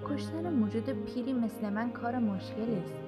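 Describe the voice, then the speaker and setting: A woman's voice: on the high side, expressive, loud music behind the voice, close to an everyday voice. A woman voicing a blunt old village grandmother.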